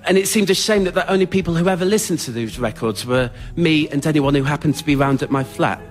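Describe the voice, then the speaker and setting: Performing a scripted comic monologue for radio from a theatre stage before an audience, a male writer-performer comes across as understated, self-deprecating and earnest. His fairly high voice moves fast over music.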